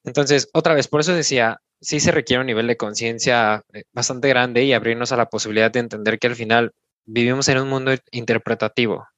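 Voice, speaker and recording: A man's voice: mid-range voice, fairly even intonation, brisk, a bit bright, no echo, dull audio. A man with a Mexican accent, a podcast coach talking listeners through an exercise step by step, often tagging his sentences with a questioning "no?". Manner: explains step by step, tags sentences with "¿no?". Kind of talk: instructive podcast talk.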